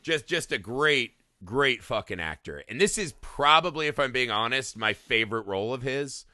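Bright-voiced man chatting about movies. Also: mid-range voice, lively intonation, moderate pace, dry recording, clean studio sound. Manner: swears a lot, says "right?" often. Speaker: podcast co-host. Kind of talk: casual movie chat.

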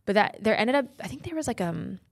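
Fast-talking young woman with a Valley girl accent. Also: fairly high pitch. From United States. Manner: animated storyteller, acts out quotes, frequent "like". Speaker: stand-up comedian, podcast guest. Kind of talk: casual chat.

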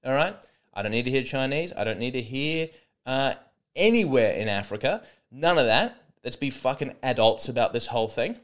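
A man in early adulthood riffs through a solo comedy podcast in an ordinary middle-pitched male voice, his pitch leaping up and down. He speaks at normal speed, animated and a bit bright, rambling with a dry, sarcastic edge and many false starts.

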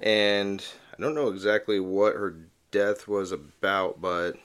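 A man in his thirties co-hosting a podcast, telling a story in a relaxed, rambling way. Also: on the low side, unhurried, clean tone. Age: 30s. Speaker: podcast co-host. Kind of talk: casual chat.

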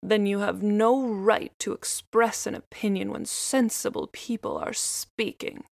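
A woman's voice: medium pitch, steady tone, measured pace, vocal fry, no echo, studio quality. A woman voicing a proud, condescending tomcat in a storybook reading. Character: proud tomcat, master of the house.

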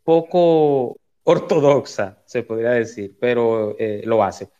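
A man's voice: medium pitch, lively intonation, takes it slowly, warm tone, clean tone. Man, talk show host, brief agreeing remarks, muffled sound. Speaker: radio host. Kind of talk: hosting a call-in talk show. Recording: slightly dull sound.

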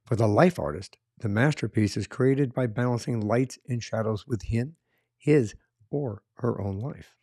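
A man hosting a podcast, reading a measured, promotional intro before interviewing his guest. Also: mid-range voice, a little mellow, husky, no room sound, clean studio sound. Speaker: podcast host. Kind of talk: scripted intro then interview.

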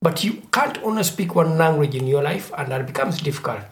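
A person from Uganda who runs an organization, speaking in a measured, reflective way in a discussion. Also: medium pitch, animated. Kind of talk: conversational discussion.

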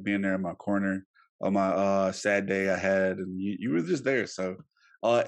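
A man hosting a podcast, talking in a loose, chatty way with many fillers and restarts. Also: fairly low pitch. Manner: upbeat sign-off plugs. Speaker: podcast host. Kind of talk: casual podcast interview.

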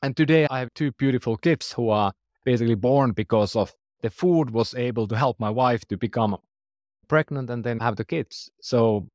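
A man's voice: mid-range voice, moderate pace, a little mellow, dry recording, studio quality. A man in his forties with a Finnish accent, a startup founder talking earnestly in a conversational interview, phrasing loosely with restarts. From Finland. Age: 40s.

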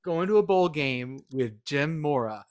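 A man's voice: a little high, a little slow. A man co-hosting a casual sports podcast, counting down rankings with sarcastic jokes. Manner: sarcastic, lively countdown delivery. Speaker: podcast co-host.

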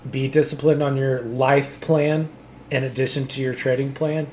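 Casual man, medium pitch, faint noise. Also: level tone, moderate pace, darkish tone. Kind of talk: casual chat. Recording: faintly noisy recording.

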